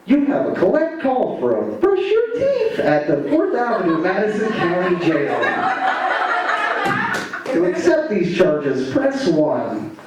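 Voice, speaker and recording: A man's voice: high-pitched, huge pitch swings, slow pace, a little mellow. Man doing stand-up in an echoey club. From Arizona. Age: 20s. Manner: loose, rambling delivery with lots of "like" and "man". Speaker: stand-up comedian. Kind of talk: stand-up comedy set. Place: comedy club stage. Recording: echoey room, voice from far off, audible room noise.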